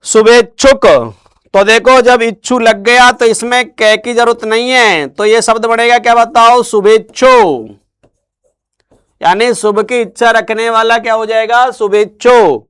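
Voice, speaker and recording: A man teaching Hindi spelling, who drills each word by asking questions and answers them himself in slow, drawn-out tones. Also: extremely high pitch, steady tone, a bit bright, clear, resonant tone. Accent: Rajasthani Hindi. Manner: drills words with repeated questions, stretches out answers slowly. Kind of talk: spelling lesson.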